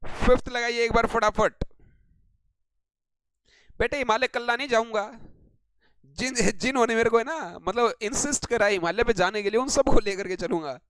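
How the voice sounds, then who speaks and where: A man's voice: extremely high pitch, moderate pace, pauses often, fairly bright tone, smooth, no echo, rough recording. A man teaching English grammar in a live online class, playfully teasing and drilling students by name.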